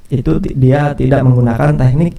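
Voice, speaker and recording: A man teaching a music lesson in a relaxed, explanatory way, repeating himself and using fillers as he goes. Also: medium pitch, moderate pace, gravelly, distant mic, muffled recording. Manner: casual explaining with fillers and restarts. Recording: roomy echo, voice off from the mic.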